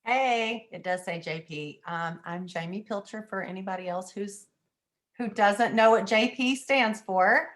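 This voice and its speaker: A woman's voice: medium pitch, a little slow, a bit bright. Easygoing Texas woman on a video call. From Northeast Texas.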